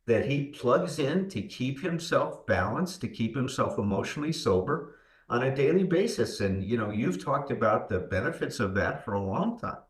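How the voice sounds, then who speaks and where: A man talks through ideas in a reflective, explanatory way on a casual podcast. His voice is mid-pitched and plain. The recording carries a noticeable room echo. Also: animated, normal speed. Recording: roomy echoing room sound.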